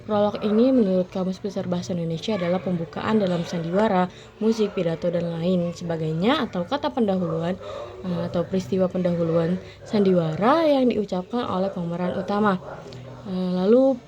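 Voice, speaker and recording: A woman's voice: fairly low pitch, brisk. A woman presenting lesson material, reading definitions aloud with occasional fillers.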